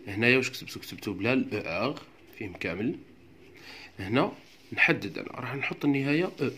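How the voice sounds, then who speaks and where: A man's voice: medium pitch, lively intonation, fast, pushed and bright, slight background noise. A man with an Algerian Arabic accent, teaching a French grammar lesson step by step in a patient way. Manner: patient, step-by-step explaining, often checks with "d'accord".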